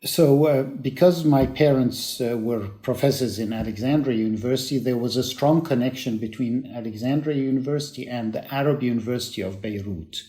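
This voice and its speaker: An older man from Egypt, a professor answering interview questions in a measured way with frequent pauses and fillers. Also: mid-range voice, dark tone. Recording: roomy echo.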